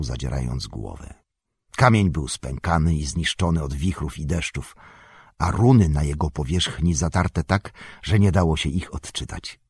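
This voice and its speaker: A man reading a fantasy novel aloud in a measured, lyrical narration. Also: extremely low pitch, husky, no echo, clean studio sound. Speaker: audiobook narrator. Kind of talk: scripted narration.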